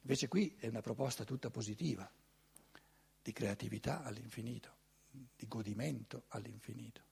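An older man giving a conference talk in a lecture hall, animated and conversational, often asking his audience rhetorical questions. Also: medium pitch, normal speed, vocal fry, slightly rough.

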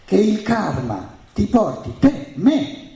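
His voice is high, gravelly yet mellow, slow, with wildly swooping pitch: a native German speaker delivering an emphatic spiritual lecture in German-accented Italian. Full of repeated phrases and rhetorical questions, the talk takes place before an audience in an indoor room, recorded live with a roomy echo.

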